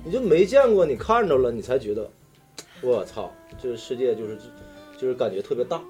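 Soft background music plays as a man from Daqing, northeastern China, chats among friends on a talk show. His medium-pitched voice is animated, a little fast and a little mellow, with a Northeastern accent, and his personal anecdotes come out earthy and slangy, with some swearing.

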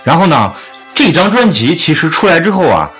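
A podcast host hosting a casual music discussion, this man talks fast with a lively, swinging pitch as he explains his views. He comes across as opinionated and conversational, and music plays in the background.

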